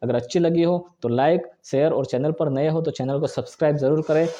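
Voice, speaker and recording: Man teaching grammar, fast and repetitive, mellow tone, slightly high voice. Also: steady tone. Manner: repeats each example, asks and answers own questions; fast, brisk delivery. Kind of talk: exam-prep grammar lesson.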